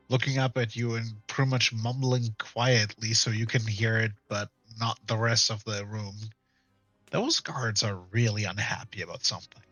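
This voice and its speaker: A man playing a tabletop game, speaking in a relaxed, offhand way. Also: medium pitch, dry recording. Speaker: player.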